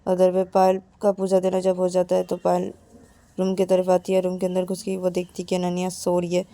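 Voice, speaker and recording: A woman telling a romance story in a casual, soft, low-key way, linking events with repeated filler words. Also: monotone, a little fast. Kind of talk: casual spoken story narration.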